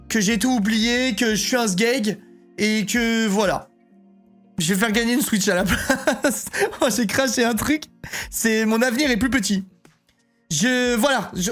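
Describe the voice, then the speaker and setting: A man's voice: very high-pitched, a bit bright. A man streaming live, chatting casually and joking while he reads his chat aloud.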